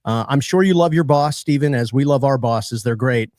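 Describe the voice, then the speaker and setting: A man hosting a casual live podcast, chatty and rambling, telling stories with animated quoted asides. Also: mid-range voice, normal speed, no room sound, clean studio sound. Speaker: podcast host.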